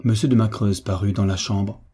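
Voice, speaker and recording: A man reading a novel aloud as audiobook narration, measured and dramatic. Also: lowish voice, steady tone, dark tone, breathy edge. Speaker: audiobook reader. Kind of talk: scripted narration.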